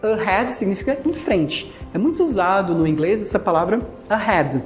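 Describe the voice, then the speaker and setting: A woman with a Brazilian Portuguese accent teaching an English lesson, patiently explaining and repeating words slowly for pronunciation drills. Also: medium pitch, expressive, faint music behind. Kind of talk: recorded language lesson.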